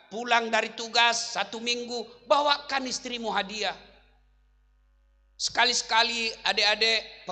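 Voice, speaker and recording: A male Islamic preacher giving a humorous sermon, telling jokes and stories and sometimes shouting to the crowd. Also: high-pitched. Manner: animated storytelling, jokes, bursts of shouting. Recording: reverberant hall.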